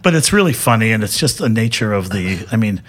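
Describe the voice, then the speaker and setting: A man chats as an interview guest, telling a funny anecdote in an animated way and laughing as he goes. His voice is husky and rather breathy. His pitch swings widely. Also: fairly quick. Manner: animated storyteller, laughs often.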